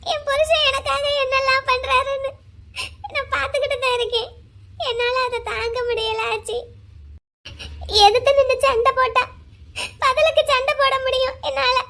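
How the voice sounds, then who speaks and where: A woman voicing a tearful young wife in a cartoon drama, speaking in a soft, pleading way. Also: extremely high pitch, flat delivery, moderate pace, pauses often, full character voice. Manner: pleading, pouring out her grievances. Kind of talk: cartoon voice acting.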